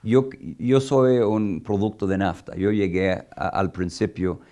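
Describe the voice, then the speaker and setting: A man who grew up in Canada answering interview questions in a halting way, with many fillers. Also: fairly low pitch, steady tone, warm tone.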